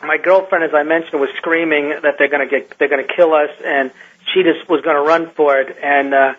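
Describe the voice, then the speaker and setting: A man who is a scientist recounts an encounter in a radio interview, halting and restarting often as he talks. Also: fairly high pitch, fairly even intonation. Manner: halting, with many restarts and fillers. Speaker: guest scientist. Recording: muffled lo-fi radio line.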